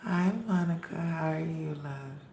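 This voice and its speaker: A hoarse woman who has lost her voice, hosting a casual live stream as a spiritual reader and greeting viewers by name with sweet endearments. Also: low-pitched, fairly even intonation, unhurried, mellow, echoey room, a little hiss or hum.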